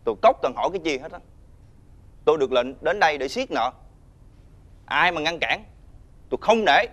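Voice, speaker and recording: An actor playing a menacing male debt-collecting thug, talking loudly and scornfully. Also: on the high side, expressive, normal speed. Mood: threatening. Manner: loud, scornful, ordering others around. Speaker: debt collector's henchman leader. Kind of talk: TV fairy-tale drama acting.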